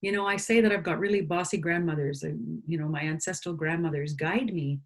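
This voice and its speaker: A Canadian singer-songwriter appearing as an interview guest speaks earnestly and with conviction in a reflective conversation. Her voice sits low and stays steady in tone, and she talks briskly.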